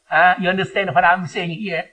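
An older woman speaking to her church congregation, animated and rambling, laughing often and slipping in English phrases. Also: lowish voice, normal speed. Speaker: elderly church member giving thanks. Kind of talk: emotional speech to a congregation. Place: church gathering.

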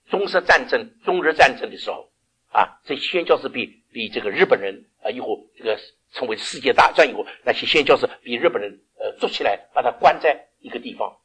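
In a husky, mid-range voice, an older man gives a sermon, regularly asking the congregation questions. His volume rises and falls as he laughs along the way.

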